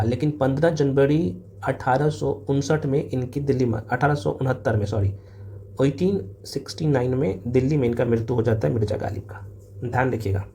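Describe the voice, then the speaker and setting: A man's voice: on the high side, a little mellow, a little hiss or hum. A man giving a casual exam revision lecture, chatty and full of fillers, calling his students brother. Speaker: exam coaching teacher.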